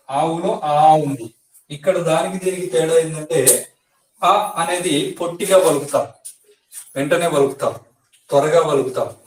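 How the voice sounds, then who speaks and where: A man gives a grammar lesson in a slow, deliberate way, sounding out each letter and repeating it. His voice sits a little high and comes from some distance off the mic, so the room echoes around it. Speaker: Telugu teacher.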